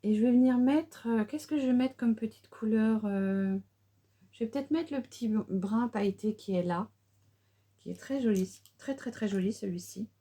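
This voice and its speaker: A woman's voice: a little high, normal speed, mellow. A middle-aged woman chatting through a casual makeup tutorial, with many fillers and restarts. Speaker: beauty vlogger.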